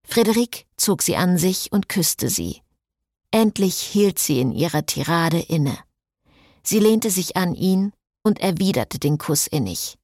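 Audiobook narrator, woman, lively pitch, dry close studio sound. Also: unhurried, no room sound.

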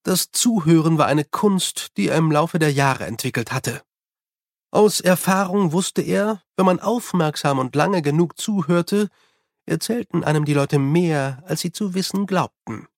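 An audiobook narrator reading fiction in an even, measured storytelling manner. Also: medium pitch, no echo, studio quality.

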